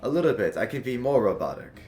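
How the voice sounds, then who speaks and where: Brief: man doing a polite clockwork robot desk clerk for a tabletop game, formal, cheerful, mid pitch. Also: sing-song, fast, darkish tone, faint music behind, natural voice. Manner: chipper, formal customer-service greeting. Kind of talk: tabletop role-play character voice.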